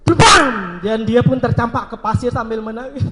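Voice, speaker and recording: A man's voice: very high voice, lively intonation, normal speed, big-room sound, very noisy. A man giving a motivational seminar talk, asking the audience questions and telling a story. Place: seminar hall.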